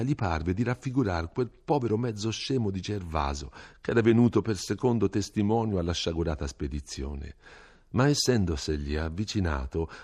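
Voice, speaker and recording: A man reading a classic novel aloud in a measured, expressive way. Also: sits low. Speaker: audiobook reader. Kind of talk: scripted literary narration.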